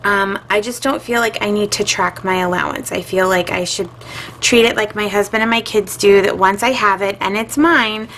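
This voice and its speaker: A woman's voice: medium pitch, fairly even intonation, moderate pace, fairly bright tone, a little hiss or hum, poor audio. Chatty mom talking through her budget. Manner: chatty, musing aloud with filler words. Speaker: budgeting vlogger. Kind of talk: casual chat while budgeting.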